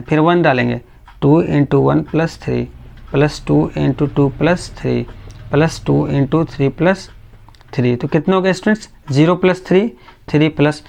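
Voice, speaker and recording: A male physics teacher giving a patient, slow classroom lecture, often stopping to check that students follow. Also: fairly high pitch, gravelly, a little mellow. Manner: speaks slowly on purpose.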